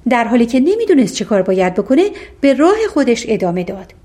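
A woman tells a fairy tale in measured, clear storytelling narration. Her voice is somewhat high for a woman. It has the feel of a recorded audiobook. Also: big pitch swings, dark tone.

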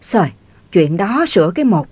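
A woman's voice: on the low side, sing-song, moderate pace, a little mellow, slightly rough, no echo. A woman reading the part of an elderly rural man who is teasing, easygoing and folksy. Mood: chiding.

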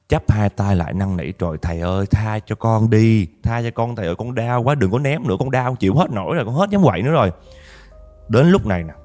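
A man's voice: fairly low pitch, warm tone. A man with a Southern Vietnamese accent narrating a ghost story in a chatty way, often talking straight to his listeners. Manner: chatty, addresses listeners directly.

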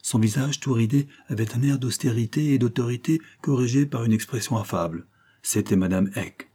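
A man narrating a classic French novel as an audiobook in a calm, measured reading. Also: mid-range voice, breathy edge. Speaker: audiobook reader.

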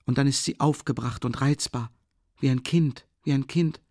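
A man voicing a timid, anguished young woman who pleads in a breathy, rising voice, in a dry audiobook reading. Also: a little high, animated, normal speed, a little mellow, dry recording, voice pushed up, exaggerated voice. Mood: pleading, distraught.

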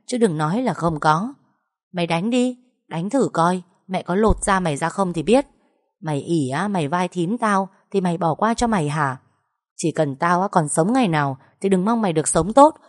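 A woman's voice: fairly low pitch, no echo, clean studio sound, lightly acted. A woman reading a story aloud and voicing a spoiled young woman who hurls threats at her older sister. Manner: hostile, threatening.

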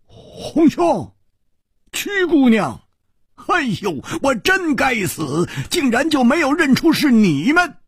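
A male storyteller voicing a brash, hot-tempered male swordsman who shouts loudly, in a Chinese martial-arts radio story. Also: very high voice, wildly swooping pitch, slow, slightly rough, no echo, clean studio sound, voice pushed up, full character voice. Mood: flustered. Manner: loud, shouting, self-reproaching.

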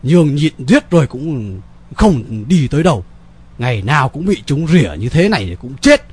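A man's voice: medium pitch, sing-song, darkish tone, husky. A man playing a weary, resigned old father. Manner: slow, sighing, sprinkles polite particles.

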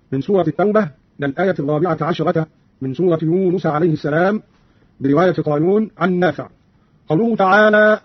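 A man giving a formal, scholarly radio explanation of Quran reading variants, in a measured and precise manner. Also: on the high side, slightly rough, no echo. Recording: dull lo-fi radio archive.

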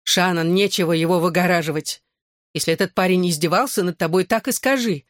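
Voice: a little fast, no echo, clean studio sound, lightly acted. A reader voicing a frantic, overprotective mother who accuses a boy. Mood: tearful. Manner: shrill and accusing. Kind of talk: audiobook dialogue.

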